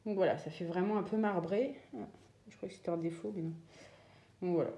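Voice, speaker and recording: A woman chatting casually as she shows off her craft purchases, pausing often with fillers. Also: fairly low pitch, mellow, roomy sound. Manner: chatty, hesitant with many fillers. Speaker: craft vlogger. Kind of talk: casual show-and-tell.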